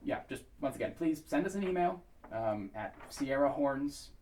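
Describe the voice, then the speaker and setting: Male choir leader, patient pronunciation coach, careful and clear, recorded slightly off-mic. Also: medium pitch, lively intonation, darkish tone, distant mic, a little hiss or hum. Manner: patient, slow and careful over each word. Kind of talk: pronunciation lesson.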